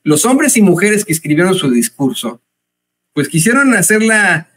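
A Mexican man with a Mexican accent giving indignant, mocking political commentary, pausing often with hesitant fillers. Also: high voice, sing-song, fairly bright tone.

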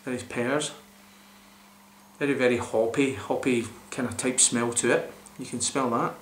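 A man's voice: mid-range voice, steady tone, a little slow, a little hiss or hum. A man in his forties, rambling enthusiastically with lots of fillers as he reviews a beer to camera in a small room. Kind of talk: casual beer review vlog. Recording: roomy echoey home recording.

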